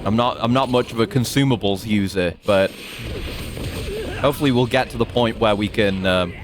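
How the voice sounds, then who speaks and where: A man's voice: fairly low pitch, moderate pace, background noise. A man giving casual gameplay commentary, thinking aloud in a rambling way. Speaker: video game streamer.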